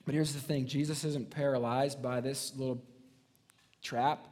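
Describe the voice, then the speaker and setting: A man's voice: medium pitch, steady tone, unhurried, darkish tone. A man preaching a sermon as a pastor, talking casually with frequent "right?" tags and restarts, and acting out the voices of people in the story.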